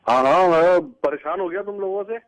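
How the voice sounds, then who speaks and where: A man's voice: sits high, normal speed, dry recording. A man on a phone call complaining with annoyance about charges. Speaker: prank call target.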